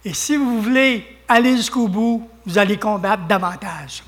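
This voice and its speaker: A man with a Québécois French accent preaching a lively sermon, often calling out hallelujah and chuckling. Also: sits high, moderate pace. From Quebec.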